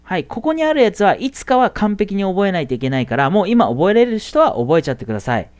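A woman teaching a casual English grammar lesson to middle school students. She chats in a friendly way and draws out the English example words slowly. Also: medium pitch, very animated, darkish tone.

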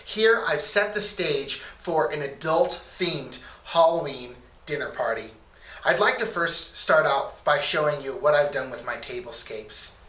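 A middle-aged man hosts a home entertaining show from his dining room, showing off his table with measured pride. His voice sits a little high and he takes his time. The room gives the sound a noticeable echo, picked up by a camera mic at a distance. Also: animated, fairly bright tone. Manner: measured, proud show-and-tell. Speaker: host. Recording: echoey room.

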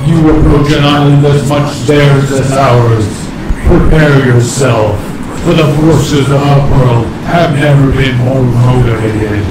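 A man's voice: medium pitch, close to an everyday voice. Old wind god, acted by a man: commanding, portentous, drenched in echo, far off amid noisy ambience, game story. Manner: grand, portentous proclamation. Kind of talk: dramatic speech in a video game story.

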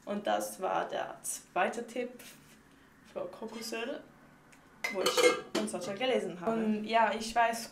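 Speaking at a medium pitch, this young vlogger from Switzerland shares beauty tips in a relaxed, rough-edged way, her Swiss German accent clear and her talk full of fillers such as "und so." The recording comes from a small tiled bathroom at home, echoey and carrying a faint background hiss.

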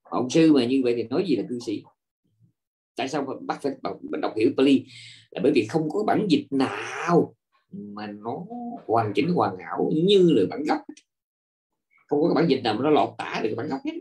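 Male monk teacher, dharma lecture, pitch swings widely, asks the class rhetorical questions, stalls on repeated fillers. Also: animated, fairly quick, darkish tone. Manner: repeats filler words while searching.

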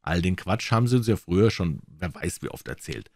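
A stern prison guard with a low, curt voice, put on by a male reader. He scolds in a tired, matter-of-fact way, and the sound is dry. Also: very animated, a little fast, a little mellow, no room sound, full character voice.

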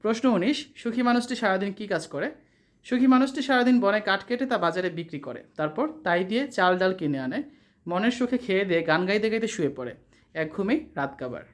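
An online tutor from Bangladesh, reading exam questions and answers in a brisk, steady voice-over. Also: medium pitch. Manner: brisk, steady read-aloud delivery.

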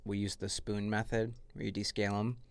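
A man co-hosting a podcast, talking casually and reacting in short, low-key remarks. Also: level tone, a little fast, gravelly. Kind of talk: casual chat.

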